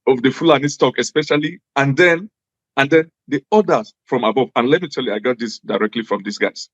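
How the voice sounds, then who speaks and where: A former government official from Jos, Nigeria, speaks as an interview guest in English with a Hausa accent, Hausa being his native tongue. His mid-range voice is brisk, earnest and emphatic, and he repeats phrases for stress. The recording is muffled, with no room sound.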